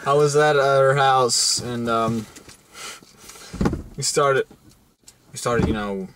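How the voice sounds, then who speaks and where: A man's voice: medium pitch, takes it slowly, background noise. A young man co-hosting a crude comedy show, telling rambling joking stories with slang and filler. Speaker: co-host.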